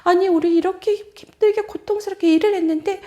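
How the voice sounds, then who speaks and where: A woman's voice: extremely high pitch, steady tone, a little fast, mellow, pitched above the performer's own voice. A woman voicing exhausted, complaining people who plead and protest, in a children's sermon. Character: distressed complaining enslaved people, worn out.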